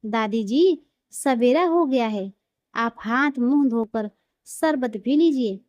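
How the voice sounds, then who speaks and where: Eager little girl calling out, read by a woman narrator, highish mellow voice, dry sound. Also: slow pace, no echo, highs cut off. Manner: loud and eager. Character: little girl bringing a drink, loud and eager.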